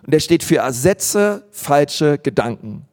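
A man's voice: fairly high pitch, very animated, slow pace, a little mellow. A man preaching a sermon as a pastor, earnest and emphatic, repeating key phrases for weight. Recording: long hall reverb.

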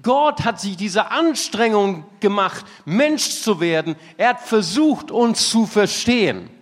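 A man preaching a sermon at a conference, telling stories in an animated way and laughing at his own anecdotes. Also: high-pitched, slow pace. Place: conference hall. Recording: reverberant hall.

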